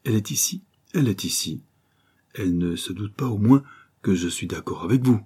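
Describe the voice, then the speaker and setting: A man reading an audiobook, voicing a fashionable, cowardly gentleman who speaks in a gallant and eager way. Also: lowish voice, lively intonation, fairly quick, husky.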